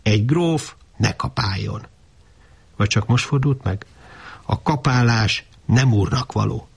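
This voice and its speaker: A man's voice: mid-range voice, vocal fry, breathy edge. A man reading the part of a stout, angry peasant woman of about fifty with a Palóc accent, mocking and scolding. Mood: curt.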